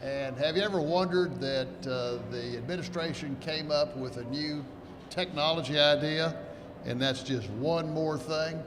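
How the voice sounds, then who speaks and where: A man's voice: on the high side, measured pace. Chatty man hosting interviews. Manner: chatty, joking. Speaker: host. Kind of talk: conference interview. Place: conference hall, indoors. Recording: noisy reverberant hall.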